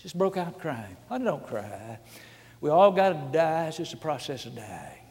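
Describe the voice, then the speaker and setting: Older preacher in a reverberant hall. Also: male voice, on the high side, very animated, normal speed. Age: 70s. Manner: folksy storytelling, swings from hushed asides to loud shouts. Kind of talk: sermon.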